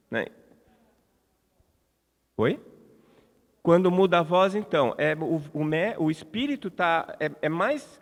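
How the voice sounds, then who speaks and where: A man with a Brazilian Portuguese accent giving a conversational spiritist lecture, often restarting and adding tag questions. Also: on the high side. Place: large congress hall. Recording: long hall reverb.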